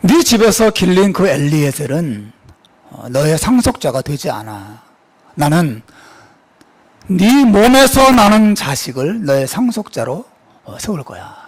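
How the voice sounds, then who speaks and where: A man preaching, putting on a gentle, fatherly God who coaxes softly in a lowered voice. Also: sing-song, a little slow, slightly rough, exaggerated voice. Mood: gentle coaxing. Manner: soft, coaxing, lowered voice.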